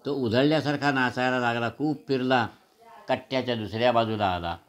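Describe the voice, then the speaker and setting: A man reading a children's story aloud in a measured, expressive way, sometimes clearing his throat. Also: medium pitch.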